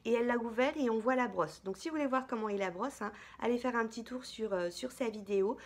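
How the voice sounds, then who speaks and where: Woman vlogger, fairly high voice, chatty, hesitant, lots of fillers, casual haul talk. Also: quick pace. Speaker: beauty vlogger. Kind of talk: casual product haul chat.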